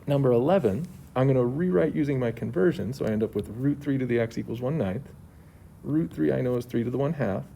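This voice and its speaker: A man teaching math in a mellow, dark voice that is slightly muffled behind a face mask. He explains worked solutions step by step. There is faint noise behind him at a school. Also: mid-range voice, quick pace, gravelly. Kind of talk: homework solutions walkthrough, explanatory.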